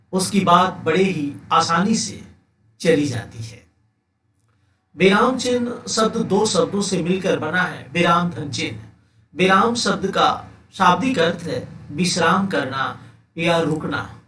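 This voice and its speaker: A man with an Eastern Uttar Pradesh Hindi accent teaching a grammar lesson, who explains slowly and repeats each definition in simpler words. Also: high voice, a bit bright, echoey room. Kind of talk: classroom grammar lecture.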